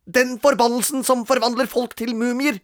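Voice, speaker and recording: A storyteller voicing a mischievous young boy who talks his way out of trouble in a loud, sly, persuasive way. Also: mid-range voice, pitched above the performer's own voice, natural voice. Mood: insistent.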